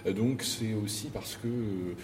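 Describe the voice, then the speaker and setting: A middle-aged man directs opera and answers questions with careful, halting phrasing. His voice sits very low. He sounds distant from the mic, in a roomy space with a noticeable hiss behind him. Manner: thoughtful, searching for words with many restarts. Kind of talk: interview answers.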